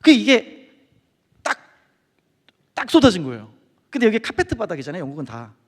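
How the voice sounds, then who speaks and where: Middle-aged man, high lively voice, testimony sermon, reverberant church hall. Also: fairly quick. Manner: animated storytelling, acting out quoted friends. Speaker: guest speaker. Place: church sanctuary.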